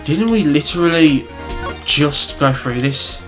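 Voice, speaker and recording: A man's voice: a little high, animated, takes it slowly, music in the background. A man giving casual, sarcastic gameplay commentary while reading a courtroom game. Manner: sarcastic, joking, swears. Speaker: let's player.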